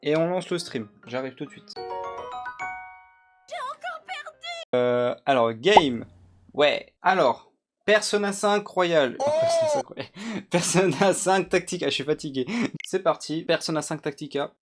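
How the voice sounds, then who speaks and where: A gaming YouTuber rambles through casual let's-play commentary, joking, crude, and often laughing, while game music plays underneath. His slightly high voice swings hugely in pitch, at a measured pace with long pauses.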